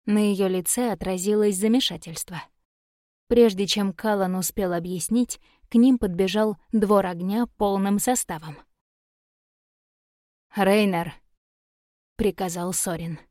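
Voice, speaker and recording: A woman's voice: mid-range voice, no echo. Woman narrating a fantasy audiobook, dry. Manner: even, measured reading. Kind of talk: scripted narration.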